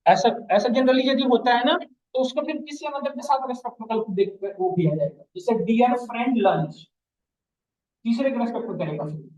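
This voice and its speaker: A man's voice: very high voice, moderate pace, a little mellow. Man, teacher, mix, step-by-step explaining, echoey room, dull sound. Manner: explains step by step, keeps checking students follow; calls students "beta" in a fatherly way. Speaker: machine learning teacher. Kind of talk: live online class lecture.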